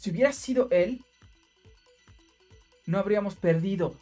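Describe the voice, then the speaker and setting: A woman's voice: medium pitch, normal speed, mellow, soft background music, lightly acted. A woman reading aloud the lines of a young male knight brooding over a defeat, in an earnest tone. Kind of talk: reading manga dialogue aloud.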